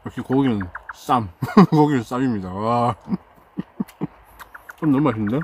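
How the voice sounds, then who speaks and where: A man's voice: mid-range voice, moderate pace, slight background noise. A man hosting an outdoor eating show, talking casually while chewing and murmuring over his food. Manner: relaxed, savoring food, murmurs between bites. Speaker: mukbang host. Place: outdoors camping.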